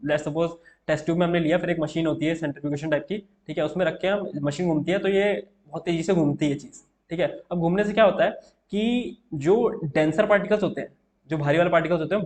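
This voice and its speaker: A young man with a slightly high voice teaches an exam-prep chemistry lesson. He talks casually and often checks in with his viewers as he explains at the board. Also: quick pace, a little mellow. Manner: casual, repeats "theek hai" often, writing on board.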